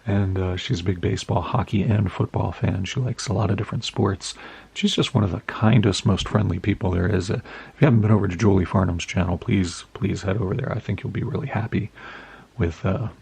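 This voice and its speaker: A middle-aged American man with a cold and a hoarse, raspy voice, chatting in a rambling, friendly way while opening card packages for his channel. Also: sits low, steady tone, fairly quick, a little mellow. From United States. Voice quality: raspy, gravelly. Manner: rambling, friendly, many uh fillers. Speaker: card collecting vlogger. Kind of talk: casual chat while opening mail.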